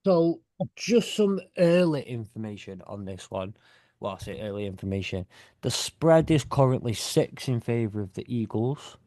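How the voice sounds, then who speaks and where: A man's voice: mid-range voice, very animated, normal speed, a little mellow, no echo, studio quality. A man from the UK hosting a podcast in casual chat, rambling and joking as he talks. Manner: rambling, jokey, self-correcting. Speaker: podcast host.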